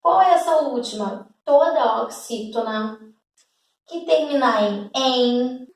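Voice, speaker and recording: A slow, patient woman teacher with a Brazilian accent and a somewhat high voice. She repeats her examples and keeps checking that the class follows. Her voice rings in an echoey room, heard from some distance from the mic. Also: lively intonation. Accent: Brazilian Portuguese. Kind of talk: grammar lesson.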